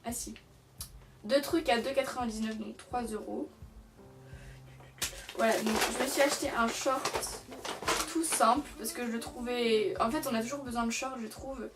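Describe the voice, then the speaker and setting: A woman's voice: on the high side, fairly even intonation, normal speed, long pauses, heavy background noise. Chatty young French woman, slightly distant. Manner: rambling, many fillers and restarts. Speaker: beauty vlogger. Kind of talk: casual haul video chat. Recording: distant from the mic, music behind. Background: music.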